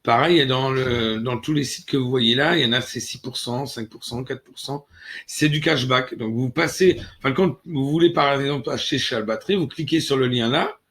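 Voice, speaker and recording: A man's voice: medium pitch, moderate pace, fairly bright tone. A man hosting an online tutorial channel, speaking casually and directly to the viewer, with frequent hesitations and restarts as he walks through a website. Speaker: channel host. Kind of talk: casual screen-recorded tutorial.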